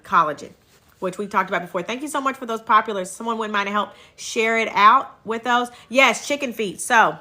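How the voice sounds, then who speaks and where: A woman with a Kentucky accent and a very bright, forward voice. She hosts a casual livestream in a folksy, chatty way, with a middle-range pitch, dropping thanks to viewers into her talk. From Kentucky, United States. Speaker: livestream host and herbal health seller.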